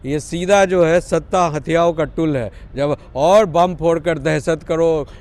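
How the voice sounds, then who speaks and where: A man's voice: a little high, unhurried, a little mellow. A man giving an emphatic, lecturing street interview, mixing in English phrases.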